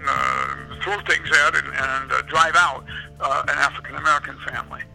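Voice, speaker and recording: A man being interviewed as an author and historian, with a gravelly edge to his voice. His tone is very bright and sharp, a little higher than most men's. He explains in a rambling, digressive way. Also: fairly even intonation, moderate pace, faint music behind, low-quality recording. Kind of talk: interview answers.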